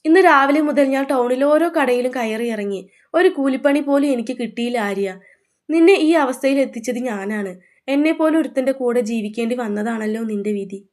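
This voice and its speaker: Woman as a despairing young husband, anxious and self-reproaching, slightly high voice. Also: normal speed, a little mellow, natural voice. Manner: anxious, pleading.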